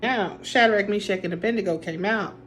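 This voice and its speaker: A young woman tells a Bible story in a loose, conversational way, leaning on slang and lively emphasis. Her pitch is middling. Soft music plays faintly behind her. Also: fairly quick. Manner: chatty, colloquial, animated emphasis. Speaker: vlog host retelling a Bible story. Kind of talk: casual storytelling while doing makeup.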